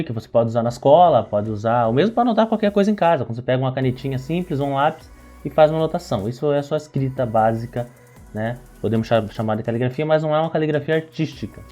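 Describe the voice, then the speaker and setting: Brazilian man, quick tutorial delivery, mellow tone, teacher who keeps checking in with the viewer. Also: on the high side. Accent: Brazilian Portuguese. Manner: explains while writing, keeps checking in with "tá?" and "né?". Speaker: calligraphy and lettering teacher. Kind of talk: tutorial explaining while demonstrating.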